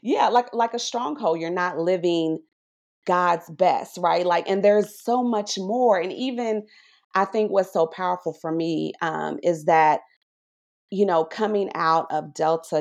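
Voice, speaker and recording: On a podcast, a female guest with a fairly low voice shares her faith testimony. She sounds animated and preacherly, frequently checking in with a "right?"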